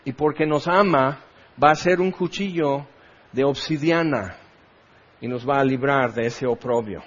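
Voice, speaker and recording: A man's voice: mid-range voice, unhurried. A middle-aged man with a Mexican accent preaching a sermon as pastor, impassioned and full of rhetorical questions. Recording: dull lo-fi recording.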